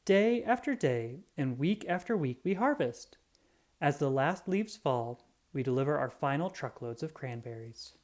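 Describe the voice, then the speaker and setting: A reader reading a children's picture book aloud in an expressive storytelling manner. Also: mid-range voice, measured pace.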